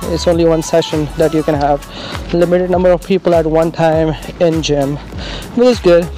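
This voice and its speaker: A man vlogging casually to a handheld camera, upbeat and halting, with frequent filler sounds. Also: a little high, steady tone, warm tone, soft background music. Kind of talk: casual vlog talk to camera. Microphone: handheld camera mic.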